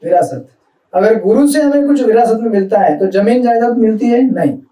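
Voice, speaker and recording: A man's voice: high voice, expressive, normal speed, warm tone. A man giving a conversational devotional talk in Hindi-mixed speech, asking the audience questions as he goes. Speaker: spiritual speaker. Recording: echoey hall, mic from a distance.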